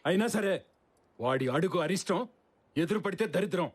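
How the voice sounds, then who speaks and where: A man's voice: sits high, lively intonation, moderate pace, slightly rough. A middle-aged actor playing a proud, superstitious father of the bride who barks haughty commands in a film comedy.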